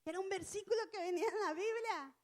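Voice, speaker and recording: A woman's voice: very high voice, fast talker, darkish tone. A woman giving a casual church lesson, telling a personal story in a conversational, colloquial way. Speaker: church teacher.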